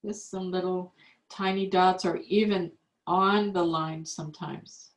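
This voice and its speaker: Slow, patient woman teaching calligraphy. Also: on the low side, fairly even intonation. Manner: slow, patient step-by-step instruction. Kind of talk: online art class demonstration. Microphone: video call. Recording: echoey room on a video call.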